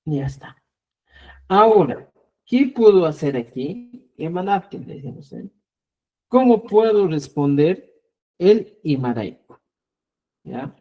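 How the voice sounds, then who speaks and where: A male teacher, explaining grammar in an online lesson and often checking in with a quick "¿ya?". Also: on the high side, very animated, lo-fi sound. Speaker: Quechua language teacher.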